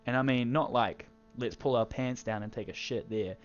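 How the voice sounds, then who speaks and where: A man's voice: mid-range voice, normal speed. A teenage man casually telling a crude, rambling story, swearing constantly. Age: teens. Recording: dull lo-fi recording with faint music.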